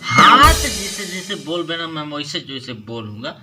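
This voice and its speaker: A man with a Chhattisgarhi accent joking loudly in a comedy sketch, cheekily garbling his lines. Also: on the high side, animated, moderate pace, loud music behind the voice. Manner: loud, cheeky, mishears lines on purpose. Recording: loud background noise.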